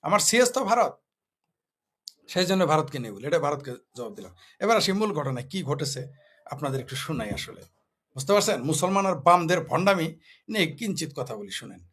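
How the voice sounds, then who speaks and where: A man's voice: on the high side, very animated, brisk, a bit bright, husky. A man from Bangladesh delivering a heated political monologue, combative and scornful, full of rhetorical questions. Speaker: political commentator.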